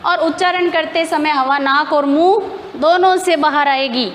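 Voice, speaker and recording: A woman's voice: high-pitched, unhurried, big-room sound, slight background noise. A woman teacher explaining grammar step by step in a classroom lesson, asking questions and answering them herself.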